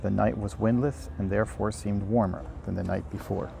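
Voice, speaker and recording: A man gives an informal outdoor reading of a storybook by a river, an amateur audiobook reader and host whose unpolished delivery includes stumbles and reread lines. His voice is on the low side, creaky and steady in tone, a little fast, with faint outdoor ambient noise behind it.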